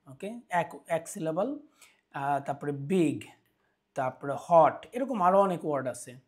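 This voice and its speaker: A man teaching English grammar, switching between Bengali and English and slowing down to spell out English example phrases. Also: fairly high pitch, breathy edge. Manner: slow, deliberate pace on English example phrases; asks questions and answers them himself. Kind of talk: explanatory lesson.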